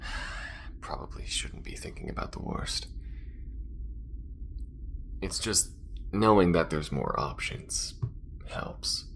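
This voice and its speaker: A man playing an alien smuggler in an intimate audio roleplay, tender, wry and worried, speaking in a soft, halting, breathy murmur. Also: exaggerated voice. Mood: anxious, planning. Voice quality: very deep, gravelly, breathy murmur. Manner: halting, soft-spoken, often dropping to a whisper. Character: Hakir, male alien smuggler, tender, worried, wry rival-turned-lover.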